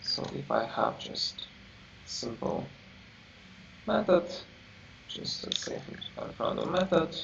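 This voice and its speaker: A man teaching a programming class, halting and searching for words as he explains, heard from a distance. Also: fairly high pitch, sing-song, creaky, a bit bright. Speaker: programming instructor. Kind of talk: live coding lecture. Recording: roomy, distant, dull lo-fi mic with faint hiss.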